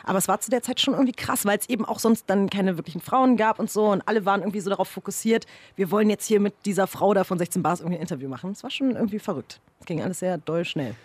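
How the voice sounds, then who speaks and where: A woman's voice: medium pitch, rapid-fire, hardly any pauses, darkish tone, husky, no echo. A woman guest chatting casually on a podcast, hungover and self-deprecating. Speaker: guest, radio host.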